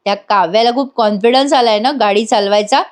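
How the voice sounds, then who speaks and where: Smug plotting young woman, teasing, a bit high, woman reading. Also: brisk, close to an everyday voice.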